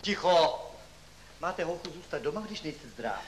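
A man's voice: on the high side, lively intonation, close to an everyday voice, rough recording. A man playing a strict old-fashioned professor. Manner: stern, scolding, then gentle. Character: kindly but strict older male professor. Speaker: schoolteacher. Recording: old 1939 film soundtrack with hiss.

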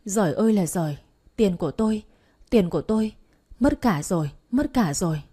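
A woman voicing a loud, lamenting older woman who has been cheated of her money, in an audio story. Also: medium pitch, expressive, a little fast, slightly rough. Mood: wailing. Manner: loud lamenting, crying out to heaven.

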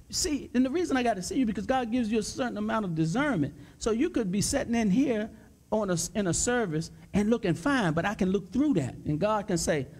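A man, a pastor, preaching fervently in a panel discussion and repeating his points with rising excitement. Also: sits high. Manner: fervent, repetitive exhortation; gets excited and loud.

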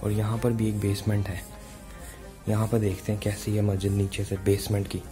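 Guy from pakistan narrating a mosque walkthrough off camera, flat steady delivery, music underneath. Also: lowish voice, moderate pace. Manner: casual, mixing in English phrases. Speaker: vlogger. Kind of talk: walking tour vlog. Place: inside a large mosque. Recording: music playing behind.

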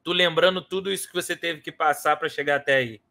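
A Brazilian man hosts a casual interview, mostly chiming in with short reactions and questions. His voice is bright and sits a little high. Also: fast, creaky. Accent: Brazilian Portuguese. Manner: brief prompts and reactions. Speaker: interview host.

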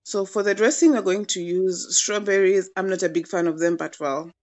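A woman's voice: medium pitch, normal speed, darkish tone, lo-fi sound. A young woman in her twenties chatting casually as she narrates a home cooking demo, playful and gushing about the food. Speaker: cooking vlogger.

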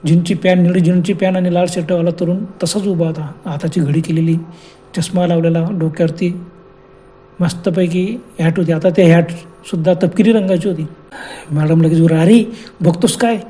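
A man narrating a horror story in a slow, emphatic, repetitive way. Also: on the high side, steady tone, mellow.

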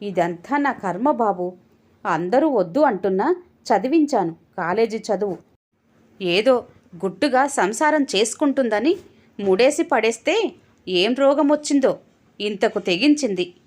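A woman's voice: a little high, animated, measured pace, pauses often, a little mellow. A woman voicing an older father who laments his fate and worries about his honour. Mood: lamenting. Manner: lamenting, self-pitying.

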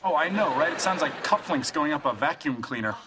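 A man's voice: fairly high pitch, animated, fairly quick, heavy background noise, lightly acted. An actor playing a goofy young man who sings about his chores in a sitcom. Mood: playful. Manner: sing-song, playful. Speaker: sitcom character. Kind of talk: sitcom dialogue.

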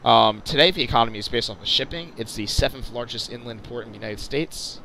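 A man's voice: mid-range voice, quick pace, pushed and bright, a little hiss or hum. A man giving casual, chatty commentary over flight-sim gameplay, stumbling and correcting himself with jokey asides. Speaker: channel host.

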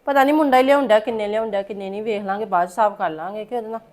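A woman's voice: mid-range voice, rapid-fire, a little mellow, natural voice. A woman with a Punjabi accent playing a blunt homeowner in a short film, firing off probing questions.

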